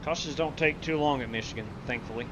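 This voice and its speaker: A male race car driver chats casually with his crew during a race. His voice sits fairly high for a man, and vehicle noise runs clearly behind it. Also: moderate pace, highs cut off.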